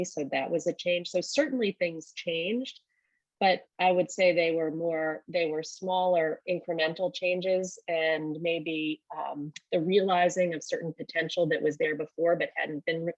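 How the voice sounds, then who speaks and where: Woman, low voice, company leader, thoughtful panel answers, dull dry audio. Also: no room sound. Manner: thoughtful, rephrasing often.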